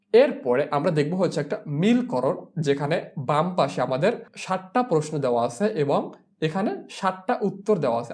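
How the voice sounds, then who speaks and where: A man teaching a lesson, his pitch rising and falling a lot as he drills short phrases. He says each one slowly several times, then explains it quickly. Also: darkish tone. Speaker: language teacher. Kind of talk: slow spoken lesson with repeated drills.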